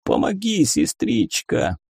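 A man reading a story aloud, voicing a wounded soldier who pleads in a hoarse near-whisper. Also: high-pitched, sing-song, extremely slow, dry recording, voice pushed up, full character voice. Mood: pleading.

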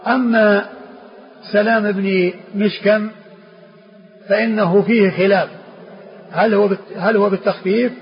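A high-voiced man teaching as a sheikh, working slowly through a classical text. He repeats phrases and restarts words as he explains. The recording is dull and lo-fi, with a faint hiss behind him. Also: fairly even intonation.

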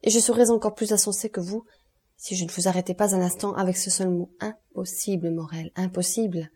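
A woman's voice: lowish voice, fairly even intonation, a little fast, warm tone, husky. A woman voicing a dutiful, anguished young noblewoman in an audiobook, speaking in a pleading, distressed way. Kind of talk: audiobook character reading.

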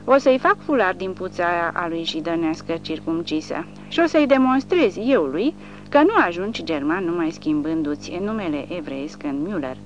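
A woman voicing a coarse, bullying male army sergeant who shouts and blusters. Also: on the low side, lively intonation, close to an everyday voice. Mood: angry. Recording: dull recording with faint hum.

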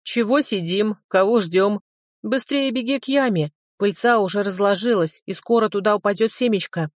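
A woman's voice: mid-range voice, moderate pace, no echo, studio quality, natural voice. A woman voicing a lazy, potbellied little male dragon who talks in brash, mocking slang. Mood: bossy.

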